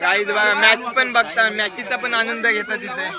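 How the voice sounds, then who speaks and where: A young man chats his way through a vlog from inside a bus. His voice sits fairly high, and he keeps telling viewers to look at things around him. The phone recording picks up the chatter of a crowded bus behind him. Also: little pitch movement, moderate pace. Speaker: vlogger. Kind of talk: casual vlog narration. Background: chattering passengers on the bus.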